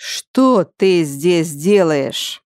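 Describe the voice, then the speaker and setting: A woman voicing an angry, suspicious young male master who questions in a slow, clipped, menacing way. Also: fairly low pitch, darkish tone, no room sound, clean studio sound, natural voice.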